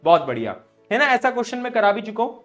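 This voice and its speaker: A young man teaching a live online class while unwell with a sore throat, scolding students loudly and then dropping to a soft, low voice. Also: sing-song, fast, faint music behind. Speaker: online tutor.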